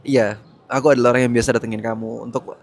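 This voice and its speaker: Humble gentle elder, plain apologetic delivery, read by a male storyteller. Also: mid-range voice, flat delivery, quick pace, lightly acted.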